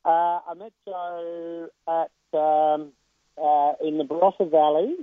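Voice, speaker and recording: A man's voice: fairly high pitch, steady tone, dry recording. Man over a tinny phone. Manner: halting, with many filler sounds. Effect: heard over a phone line. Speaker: racehorse trainer. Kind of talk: phone interview on radio.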